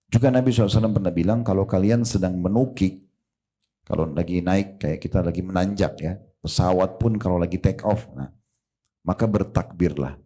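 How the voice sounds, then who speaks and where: Low, mellow-voiced male preacher. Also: a little fast. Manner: storytelling, addresses women listeners directly. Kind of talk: religious lecture.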